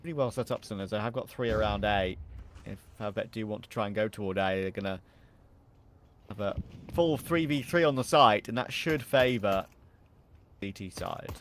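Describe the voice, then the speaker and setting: A man giving relaxed, joking color commentary alongside a co-caster on a live esports match. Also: lowish voice, moderate pace, a little hiss or hum. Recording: faint game gunfire underneath.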